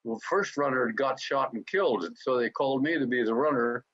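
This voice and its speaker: A man in his nineties, a war veteran, recounting his memories in an interview, halting and often repeating words. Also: medium pitch, a bit bright, no room sound. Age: 90s. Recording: dull lo-fi recording.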